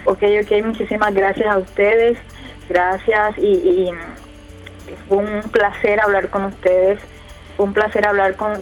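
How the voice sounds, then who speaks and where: With a mid-range, slightly mellow voice, a youth council leader in her 20s from the Córdoba department of Colombia talks as a radio guest. Her replies are casual and hesitant, with frequent fillers and restarts. The audio is muffled radio with faint music underneath.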